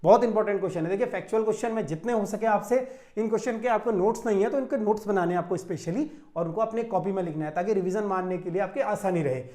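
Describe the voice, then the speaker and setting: A man's voice: high voice, fast, dark tone. A man from Uttarakhand teaching an exam-prep lesson in Hindi, explaining step by step and checking in often with his students. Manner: explains step by step, with frequent "theek hai" checks.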